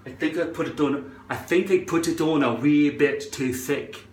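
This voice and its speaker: At normal speed, a vlogger with a slightly high, somewhat mellow voice rambles through a casual demonstration of hairpiece glue. Slight background noise and a roomy echo fill the recording, and his shaky fake Scottish accent comes with repeated words and occasional swearing.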